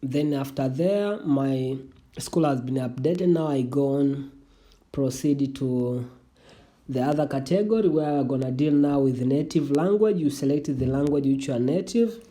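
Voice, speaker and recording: This tutorial vlogger is a young adult who grew up speaking Swahili. Warm and medium in pitch, they guide viewers through an online application casually, stumbling and restarting a lot while addressing everyone as "family."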